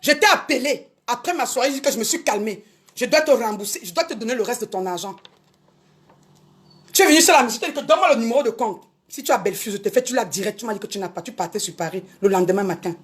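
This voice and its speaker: A woman's voice: on the high side, animated, fast. A woman promoter speaking on a Facebook live, indignantly repeating herself and addressing her critics directly. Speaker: show business promoter.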